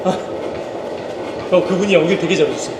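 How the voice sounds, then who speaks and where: An actor chats to camera about his drama work as he slow runs, sharing behind-the-scenes stories and animatedly performing bits of dialogue. It's casual storytelling. Rumbling ambience makes the recording noisy and echoey.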